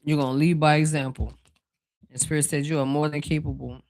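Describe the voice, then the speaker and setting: With a brisk delivery, a darkish medium-pitched voice, and little pitch movement, this card reader chats through a spiritual reading with no room sound. The talk rambles, full of fillers, aimed straight at viewers as "y'all," with frequent asides and bursts of laughter.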